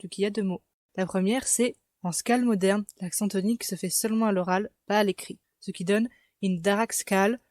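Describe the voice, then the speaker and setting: A woman's voice: mid-range voice, a little mellow, dry recording, clean studio sound. A woman teaching a lesson on vocabulary in a constructed language, explaining each word step by step with a few hesitations. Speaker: conlang teacher.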